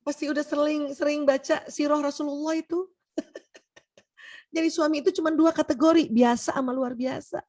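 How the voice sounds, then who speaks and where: Woman, seminar speaker, doctor; pitched a bit high; lively, teasing delivery that slips into quoted voices. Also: moderate pace. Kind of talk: humorous seminar lecture.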